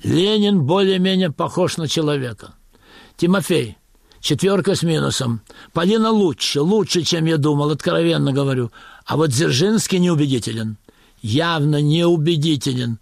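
A man's voice: a little high, lively intonation, moderate pace, vocal fry, dry recording, clean studio sound. A man voicing a pompous army political officer who lectures his amateur actors. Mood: lecturing. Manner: lecturing, self-important.

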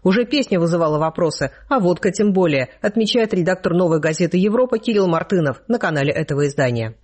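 A man hosting a news review, reading a measured scripted narration. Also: high voice, animated. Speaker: host.

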